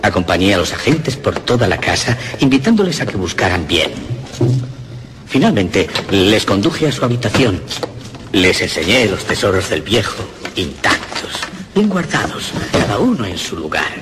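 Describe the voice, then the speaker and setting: A man's voice: very animated, moderate pace. A man giving a theatrical, dramatic reading of a story. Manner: theatrical, pitch swinging widely. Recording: clear crowd noise behind.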